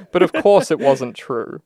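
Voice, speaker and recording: A man's voice: fairly high pitch, dark tone, dry recording, clean studio sound. An Australian man co-hosting a podcast, chatting casually in a wry, joking, colloquial way. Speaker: podcast co-host. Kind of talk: casual chat.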